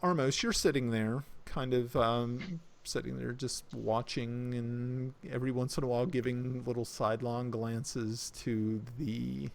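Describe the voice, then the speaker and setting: Gravelly-voiced man running a tabletop game. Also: mid-range voice, measured pace, few pauses. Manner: lively, loose with fillers. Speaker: game master.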